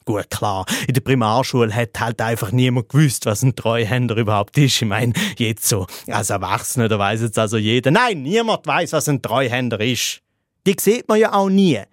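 A man's voice: mid-range voice, normal speed, no echo, studio quality. A man with a Swiss German accent delivering a scripted comedy monologue, sarcastic and exaggerated. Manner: sarcastic, exaggerated, mimics voices.

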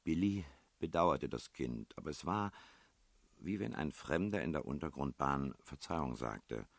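A man reading a novel aloud in a measured, expressive storytelling manner. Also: rumbling low, creaky, dry recording. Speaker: audiobook reader. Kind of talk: literary narration.

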